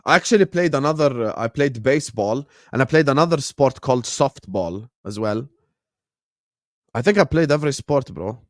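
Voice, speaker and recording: A man's voice: mid-range voice, expressive, moderate pace, no echo, clean studio sound. Laid-back young man chatting on a stream. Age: late 20s. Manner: slangy and laid-back, chuckles often, answers viewers directly. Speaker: live-stream watchalong host. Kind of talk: casual chat, reacting to a match and reading chat.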